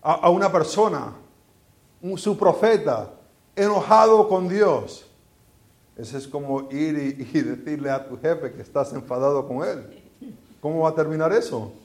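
Un predicador que da un sermón en tono conversacional, con preguntas retóricas y frases que a menudo vuelve a empezar. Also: male voice, on the high side, normal speed. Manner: conversational, rhetorical questions, frequent restarts. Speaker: preacher. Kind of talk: sermon.

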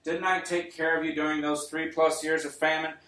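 A man's voice: on the high side, level tone, a little fast, sharp tone. A male preacher voicing God, firing off reproachful rhetorical questions, in a roomy space with a distant mic. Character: God, stern yet caring almighty father.

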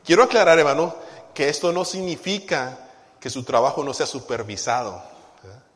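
A pastor preaching to his congregation in a fairly high voice, swinging from quiet asides to loud bursts. He acts out short quoted voices as he goes. The sound rings with a long reverb of a church hall. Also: moderate pace. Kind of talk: sermon.

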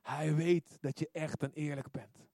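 Man, high voice, preaching a sermon, lively, calls amen, dry close sound. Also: unhurried, dry recording. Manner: lively, often asks "ja toch?" and calls "amen".

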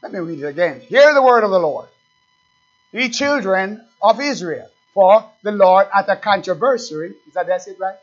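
This pastor's voice sits high with lively intonation as he delivers a fiery sermon, shifting from hushed asides to loud passages. Scripture comes slowly and emphatically, questions go right at the congregation, and the audio is dull and lo-fi.

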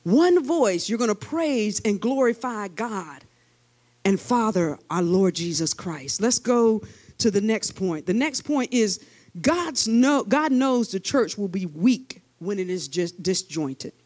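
A woman's voice: mid-range voice, lively intonation, slow pace, a little mellow. A woman preaching a sermon to a church congregation, leading them in call-and-response chants and using hands-on examples. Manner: demonstrative, uses hands-on examples.

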